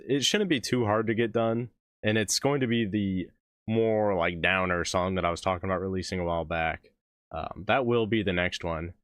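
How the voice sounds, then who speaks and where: A man's voice: low voice, a bit bright, dry recording, studio quality. A man who is losing his voice, hosting a music reaction live stream and chatting casually with viewers, rambling and laughing between thoughts. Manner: rambling, self-interrupting, laughs often.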